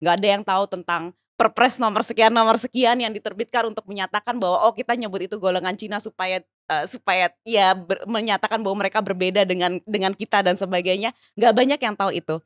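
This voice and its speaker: A woman from Indonesia, a writer and entrepreneur, talking as a podcast guest in a lively way, laughing often and mixing in English phrases. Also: mid-range voice, quick pace, no room sound, clean studio sound. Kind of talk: casual interview chat.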